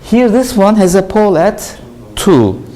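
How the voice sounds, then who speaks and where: A man with a Turkish accent lectures a class in a slightly raised, mellow voice. He keeps asking his listeners questions and then answers them himself. A faint hum of the room sits behind him. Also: high voice, sing-song, measured pace, rough recording. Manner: explanatory, asks and answers his own questions. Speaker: university lecturer. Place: lecture hall.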